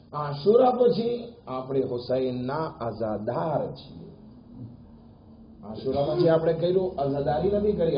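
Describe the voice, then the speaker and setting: A man giving an animated sermon, telling stories with rising emphasis. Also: mid-range voice. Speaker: preacher. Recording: echoey hall, dull lo-fi sound, faint noise.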